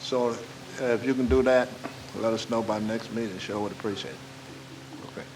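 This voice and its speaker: A man's voice: mid-range voice, steady tone, a little fast, background noise. A man, a county supervisor speaking in a friendly, affirming way at a public meeting.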